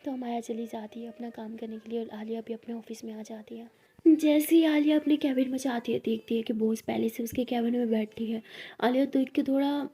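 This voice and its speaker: A woman narrating a romance story in a soft, often half-whispered way. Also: on the high side, steady tone, a little fast, husky.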